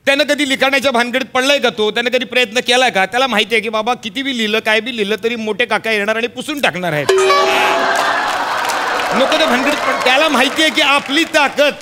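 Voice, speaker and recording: Folksy high-voiced driver man. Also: fast, a loud crowd, very noisy. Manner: folksy, philosophizing, soothing. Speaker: comic actor playing a chatty driver. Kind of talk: sketch comedy acting.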